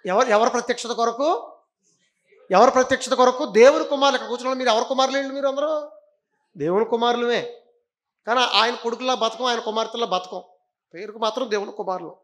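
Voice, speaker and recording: A middle-aged male preacher with a notably high voice delivers a church sermon. He hammers phrases through repetition and fires questions at his listeners. His delivery lurches between forceful exhortation and hushed, low asides. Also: quick pace, pauses often. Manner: emphatic preaching with repeated phrases and direct questions to the congregation.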